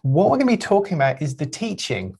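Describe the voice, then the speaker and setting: A middle-aged man, a spiritual teacher, speaking to a group in an unhurried, reflective way with frequent pauses and 'um's. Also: fairly high pitch, wildly swooping pitch, creaky, a little mellow, breathy edge.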